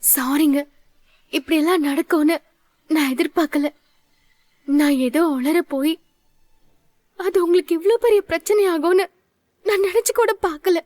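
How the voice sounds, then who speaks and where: A woman's voice: very high-pitched, normal speed, pauses often, a little mellow, no echo. An actress dubbing a hurt young wife who pleads with her husband in a tearful way, in a dry studio voice-over. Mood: pleading. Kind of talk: Tamil serial dub acting.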